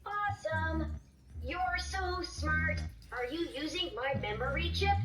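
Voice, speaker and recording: A voice actor gives a cheerful little toy robot tutor a high, slow voice full of upbeat, encouraging, sing-song lines. The learning toy's speaker plays in a room and is recorded from a distance, sounding roomy and distant with music behind it.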